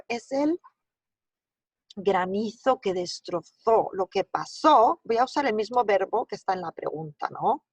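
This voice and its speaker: A woman's voice: mid-range voice, husky, no room sound. Woman teacher, native speaker, homework walkthrough at the computer, thinks aloud with constant check-ins, dry room. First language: Spanish. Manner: talks students through steps, thinking aloud with rhetorical checks. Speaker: Spanish teacher. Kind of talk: recorded homework walkthrough lesson.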